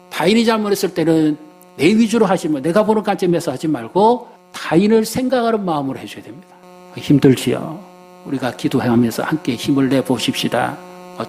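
A man preaching to his congregation in a husky, slightly raised voice. He tells everyday stories and acts out the people in them. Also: on the high side, warm tone. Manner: storytelling, acting out quoted people. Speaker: pastor. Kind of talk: sermon.

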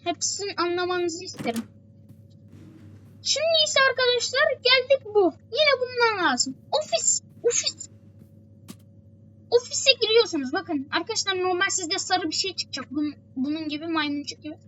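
A woman's voice: very high voice, animated, moderate pace, bright, forceful tone, highs cut off, slight background noise. A woman giving a chatty game walkthrough, repeating her warnings again and again. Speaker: gameplay walkthrough host. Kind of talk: casual game tutorial commentary.

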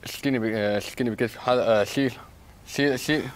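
A man's voice: medium pitch, racing, slight background noise, close to an everyday voice. A man with a Lebanese accent acting a boastful, bumbling self-defense coach in a comedy sketch, tossing English words into his speech. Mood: cocky.

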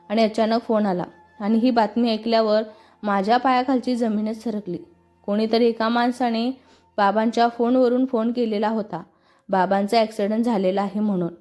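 A woman's voice: a little high, warm tone, natural voice. A woman voicing a young woman who tenderly confides her grief over her late father, in a storybook reading. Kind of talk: storybook dialogue.

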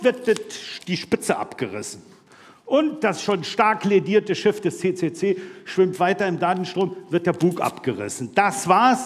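A man giving a humorous conference talk, telling a joke while folding paper, in a large lecture hall. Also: high voice. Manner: jokey storyteller. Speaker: conference speaker.

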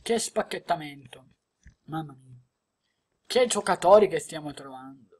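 A woman giving excited gameplay commentary as she opens card packs, exclaiming and laughing often. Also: low voice, unhurried, slightly rough. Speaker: gaming video creator.

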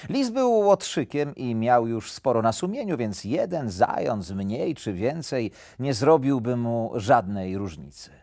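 Man, storybook narrator, expressive, lively pitch, unhurried, playful, dry recording. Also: no room sound. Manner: animated, playful, with dramatic drops to a hush.

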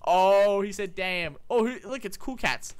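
A man with an Australian accent doing rambling, excitable gameplay commentary with a co-player, shouting when the fights get close. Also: high-pitched, normal speed.

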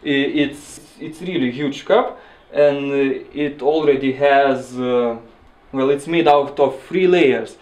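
A man in his twenties with a Lithuanian accent, explaining things casually to camera in a hesitant, halting way. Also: mid-range voice, a little mellow. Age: 20s. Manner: hesitant, halting with repeated words. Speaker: student interviewee. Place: small indoor kitchen. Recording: echoey kitchen with audible background noise.

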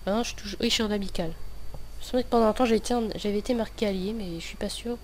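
A man's voice: high-pitched, fairly even intonation, rapid-fire. Young male gamer, slushy lisped s, casual gameplay commentary, hesitant and rambling, noticeable background noise. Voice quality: lisp, slushy s sounds. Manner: hesitant, rambling, self-correcting. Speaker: gaming video host.

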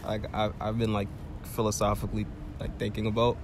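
A man's voice: fairly low pitch, completely flat delivery, brisk, a loud crowd. A young man being interviewed outdoors, talking in a rambling, slangy, joking way. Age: young adult. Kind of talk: casual chat. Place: outdoors on a campus, lying on the ground. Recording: outdoor background noise.

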